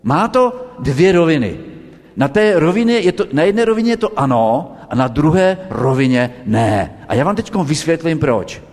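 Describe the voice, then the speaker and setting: A man gives a talk to students in a school hall, his voice sitting a bit high for a man. He keeps the room engaged with stories and rhetorical questions. A long reverb trails after each phrase. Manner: lively, engaging storyteller. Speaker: prevention lecturer. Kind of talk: lecture to students.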